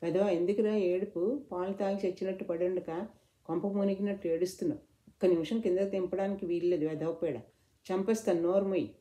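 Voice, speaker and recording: Brief: irritable young sister-in-law in an audio story, snappish and complaining, dark low tone, voiced by a woman. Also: fairly even intonation, a little fast, reverberant, natural voice. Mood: irritated. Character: irritable young unmarried sister-in-law, bookish and short-tempered.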